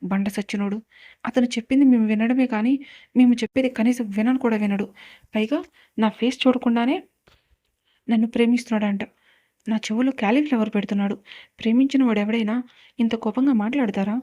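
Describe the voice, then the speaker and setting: A flustered young bride in a storybook reading, whining and muttering complaints, as a woman narrator puts her on. The voice is fairly high but flat, with a soft, dark tone. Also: a little fast, long pauses, dull audio, natural voice. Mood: grumbling.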